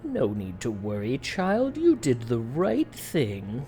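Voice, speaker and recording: A woman's voice: very deep voice, huge pitch swings, slow pace, dark tone, soft background music, full character voice. Woman playing a sly, coaxing sea witch. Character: scheming sea witch, silky and false.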